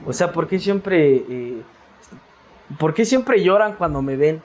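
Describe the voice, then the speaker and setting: Mexican man, interview guest, slightly high voice, reflective, rambling, lots of fillers. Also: animated, takes it slowly, darkish tone. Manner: reflective, rambling, with many fillers and repeated words. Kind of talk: casual interview storytelling.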